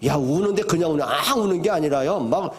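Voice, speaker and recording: Older Korean pastor preaching with lively pitch. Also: male voice, a little fast, background noise. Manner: dramatic, swings from soft to loud, asks the congregation questions. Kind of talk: sermon.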